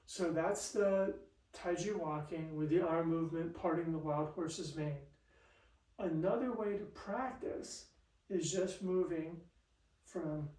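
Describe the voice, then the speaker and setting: A tai chi instructor giving a movement lesson in calm, measured cues and short phrases. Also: medium pitch. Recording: roomy echo, distant mic.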